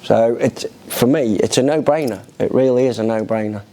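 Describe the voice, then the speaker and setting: A man's voice: medium pitch, moderate pace, mellow. A middle-aged man with a British accent, talking conversationally about his own experience in an interview. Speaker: charity resident being interviewed. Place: indoor lounge, seated in an armchair.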